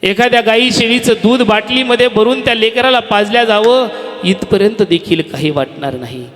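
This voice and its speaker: A man telling a devotional story as a kirtan preacher, dramatic, dropping to hushed tones and rising to shouts. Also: high voice, moderate pace. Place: hall with an audience. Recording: long hall reverb.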